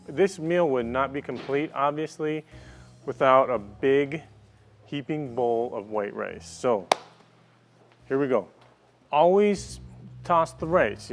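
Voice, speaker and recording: A man's voice: medium pitch, measured pace, soft background music. A man hosting a casual cooking demonstration, playful and joking as he talks viewers through the dish. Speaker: cooking show host.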